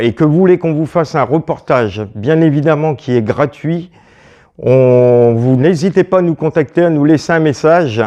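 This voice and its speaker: A man presenting a local community news bulletin, halting and hesitant, with many pauses and fillers. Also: fairly high pitch, dark tone.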